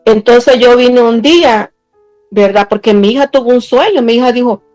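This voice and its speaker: A woman's voice: darkish tone, dry recording, faint music behind, poor audio. Earnest woman preacher. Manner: earnest, slows down and rises in pitch when stressing a point. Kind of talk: personal testimony sermon.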